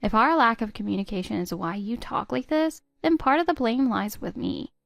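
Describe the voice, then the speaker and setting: A woman's voice: a little high, expressive, moderate pace, gravelly, no echo, clean studio sound. A woman voicing a patient, hurt stepmother. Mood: pleading. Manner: pleading, gentle, worn down. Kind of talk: text-story voice acting.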